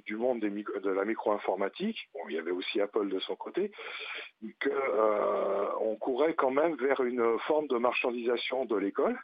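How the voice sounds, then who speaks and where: A man's voice: medium pitch, no echo. A man calling in over a landline phone as a guest on a radio talk show, explaining at length with many hesitations. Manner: explanatory, with frequent hesitations and fillers. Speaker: guest teacher and union representative. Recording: muffled phone line, dry.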